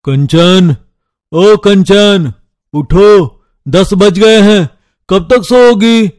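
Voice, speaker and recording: A man voicing a patient young husband who grows loudly exasperated. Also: high-pitched, extremely slow, dry recording, clean studio sound.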